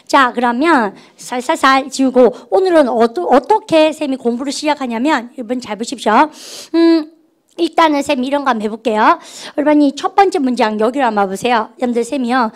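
A woman's voice: high voice, fairly quick. A woman teaching a recorded English grammar lesson, coaxing her class through call-and-response drills and chatting playfully. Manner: calls herself "ssaem", chatty and playful.

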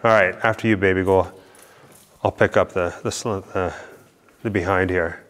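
A man's voice: deep voice, fairly even intonation, normal speed, fairly bright tone. A man hosting an exploring vlog, chatting and asking questions in a casual, curious way. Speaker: vlog host. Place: large underground cave.

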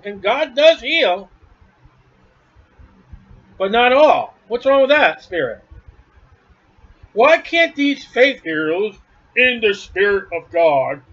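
In a dull, lo-fi recording, a high-voiced male preacher delivers a scornful, blunt sermon from his home, driving each point in with emphasis. His pitch swings widely, his pace is slow with long pauses, and the sound is a bit bright.

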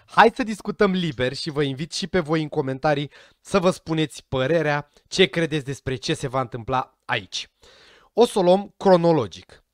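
A man's voice: a little high, dry recording, studio quality. A man giving casual commentary to his viewers, chatty and speculative, sometimes tripping over names. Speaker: vlogger reacting to a series trailer.

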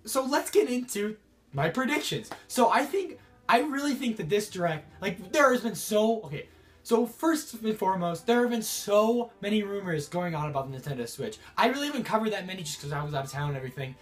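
Coughing, excitable young man. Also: high voice, fairly quick. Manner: excitable, rambling, many restarts. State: sick with a cough, voice rough. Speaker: gaming YouTuber. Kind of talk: excited casual vlog to camera.

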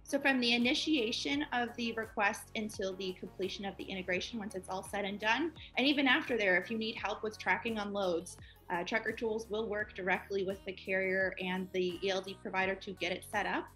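A woman's voice: mid-range voice, a little fast, a bit bright, faint music behind. A woman in her twenties, a guest on a company interview, explaining eagerly over a video call. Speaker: project manager guest.

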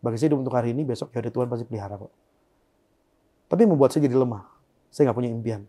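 A young man as an interview guest, telling a painful personal story in a soft, subdued way that often trails off quietly. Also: mid-range voice, racing.

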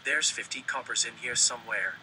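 A text-to-speech male voice reading the lines of a worried middle-aged innkeeper in a flat synthetic manner. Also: medium pitch, fairly quick, background noise, natural voice.

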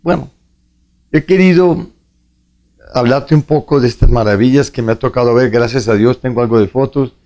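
A man, a priest, preaching and telling a testimony slowly and earnestly to the viewer. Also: medium pitch, warm tone. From Colombia. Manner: slow, earnest storytelling, addressing the viewer directly.

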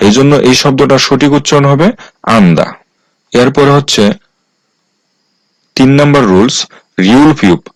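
A man's voice: medium pitch, no echo, poor audio. Patient man explaining rules. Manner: slow and repetitive, restating each rule. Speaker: language teacher.

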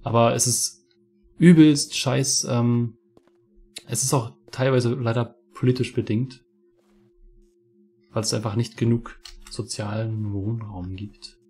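Slow and often pausing, he speaks in a mid-range, darkish voice with a steady tone. This northeastern German from Mecklenburg-Vorpommern, a man in his twenties, streams a casual let's play from his home room using a webcam and headset, chatty and ranty with plenty of curses.

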